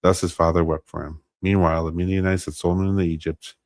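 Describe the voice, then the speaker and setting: A man's voice: low-pitched, level tone, darkish tone, no room sound. An American man teaching on a Bible story on a stream, reading scripture aloud with many fillers and restarts and stopping over hard names. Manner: halting, many fillers and restarts, unsure of pronunciations.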